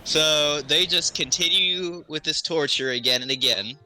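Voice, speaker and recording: A man improvising narration as game master of a tabletop game, halting as he thinks aloud. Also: a little high, bright, forceful tone, rough recording.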